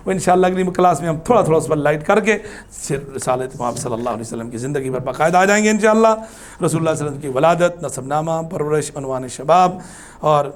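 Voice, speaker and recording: A man teaching a religious class, lively and emphatic, chanting scripture slowly between explanations. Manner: animated, rises high for emphasis, chants Arabic verses slowly; ends in soft, low supplication. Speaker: Islamic teacher.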